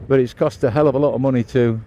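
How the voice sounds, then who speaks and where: Mellow English man, casual motovlog chat. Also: mid-range voice, steady tone, very fast, dull audio, slight background noise. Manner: chatty, matter-of-fact, tour-guide asides. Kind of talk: casual vlog commentary. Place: outdoors, riding a scooter along a beach road.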